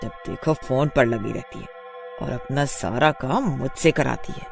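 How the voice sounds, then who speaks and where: A man voicing a harsh, bossy witch daughter-in-law in a kids' storybook, shouting scornful threats. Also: medium pitch, unhurried, creaky, soft background music. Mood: bossy, threatening. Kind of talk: storybook voice acting.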